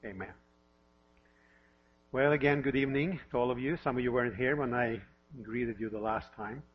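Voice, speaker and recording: The husky, mid-range voice stays steady at a moderate pace as a fiftysomething pastor from Norway preaches in a sanctuary. He pokes light fun at himself and keeps returning to the same questions, captured on a lo-fi recording with mains hum.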